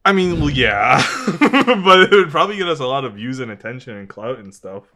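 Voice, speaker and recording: A man's voice: mid-range voice, very animated, brisk, crowd noise. A young man co-hosting a podcast in casual chat, laughing often and swearing freely. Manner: giggly, swears casually, says "like" and "dude" a lot. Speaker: podcast co-host.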